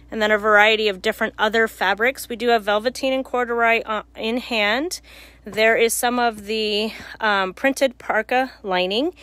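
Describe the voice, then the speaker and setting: A woman with a fairly high voice gives a casual walk-through of a shop's products. She speaks through a face mask, so her words come out a little muffled. She sounds like a store worker showing customers around. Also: fairly bright tone, no room sound. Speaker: shop worker giving a store tour. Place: small cluttered shop, indoors. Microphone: handheld phone.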